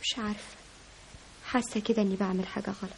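A woman's voice: steady tone, very fast, a little hiss or hum, natural voice. An actress playing a young woman in love who learns she was deceived, tearful and pleading, in an old radio drama. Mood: distraught. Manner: tearful, pleading, breaks into high cries. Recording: radio drama with music behind.

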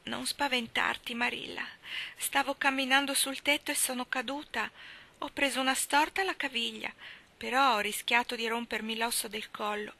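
Lady reading as a gushy dramatic little orphan girl, high and super bright. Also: fairly even intonation, moderate pace, gravelly, exaggerated voice. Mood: eager. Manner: talkative, effusive, theatrical.

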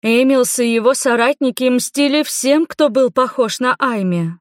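A warm-hearted, gossiping townswoman who gushes and exclaims over every scrap of news, as a woman reads her. Her voice sits a touch higher and livelier than the narration. The recording is dry and close. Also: a little slow, no room sound. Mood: gossipy. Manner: gushing, exclaiming, dramatic. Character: chatty kindly older townswoman gossiping.

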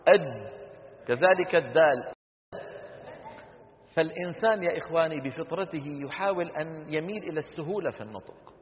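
A man lectures a class on Quran recitation, pausing to quiz the room and model sounds for them to repeat. His voice sits a little high for a man. The recording is dull and lo-fi, with a long hall reverb trailing each phrase. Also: lively intonation. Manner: explanatory, quizzes class with rhetorical questions, demonstrates sounds.

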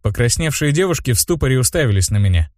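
A man reading a fantasy audiobook in an expressive, wry narrating voice. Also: medium pitch, fast, no room sound, clean studio sound. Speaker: audiobook reader.

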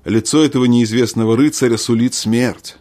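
A man's voice: mid-range voice, steady tone, moderate pace, darkish tone, lightly acted. A man voicing a cautious, deferential nobleman advising his king in formal courtly speech. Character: wary courtly male lord, cautious adviser.

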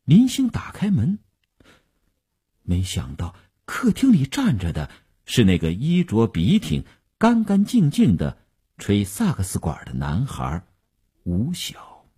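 A man narrating a novel in an expressive, dramatic reading. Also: lowish voice, slow pace, husky. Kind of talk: storytelling reading.

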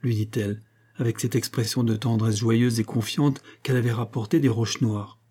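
A man reading a novel aloud as narrator, with steady, measured delivery. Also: mid-range voice, slightly rough. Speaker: audiobook reader.

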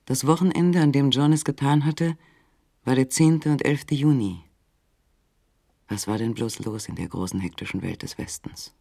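Narrating a literary German radio play, a male actor tells the story in a sober, measured third-person manner. His medium-pitched voice is mellow, with some vocal fry.

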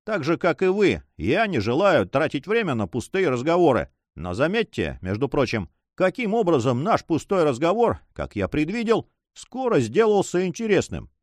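A man's voice: on the high side, wildly swooping pitch, normal speed, hardly any pauses, dry recording, voice pushed up. A man voicing a cool, mocking male pirate captain who speaks with dry sarcasm, in an audiobook reading. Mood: coldly sarcastic. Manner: ironic, coolly sarcastic.

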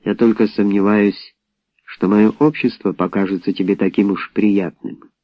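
A man's voice: on the low side, steady tone, normal speed, no room sound, lightly acted. A man reading a cold, dry-humored man. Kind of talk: audiobook character voice. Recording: dull lo-fi audiobook recording.

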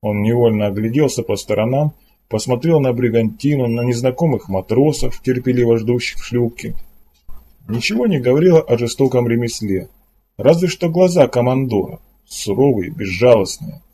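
A man narrating an adventure novel as an audiobook in a steady storytelling manner. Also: mid-range voice, normal speed, a little hiss or hum. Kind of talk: scripted narration.

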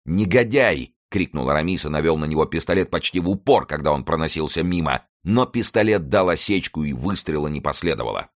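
Deep-voiced man narrating an audiobook. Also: quick pace, hardly any pauses, dry recording, studio quality. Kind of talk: scripted narration.

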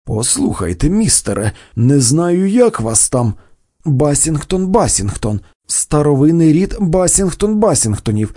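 A man's voice: a little high, big pitch swings, unhurried, warm tone, dry recording, studio quality. A man voicing a haughty young aristocrat who is proud of his old family, in an audiobook. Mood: indignant. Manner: indignant, breezy.

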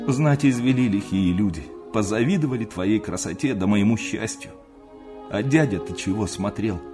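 A man's voice: mid-range voice, voice pushed up, close to an everyday voice. A man voicing an old woman, a doting and anxious country mother who cries and laments emotionally. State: crying.

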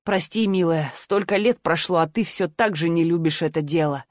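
A woman voicing a gruff male doctor who barks urgent orders, in an audiobook. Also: on the low side, normal speed, no echo, clean studio sound, close to an everyday voice. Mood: gruff tender.

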